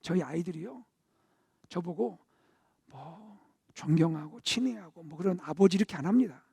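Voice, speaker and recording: A middle-aged man preaching a sermon as senior pastor in a conversational way. His delivery swells to loud emphasis and then drops to near-whispers. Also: fairly high pitch, lively intonation, moderate pace, vocal fry, husky, no echo, studio quality.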